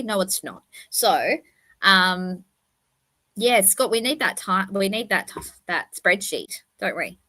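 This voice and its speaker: A woman's voice: fairly low pitch, pushed and bright. A woman with a lisp and whistling s, chatting and correcting herself as she hosts a casual livestream commentary. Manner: rambling, self-correcting, chatty. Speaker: livestream host.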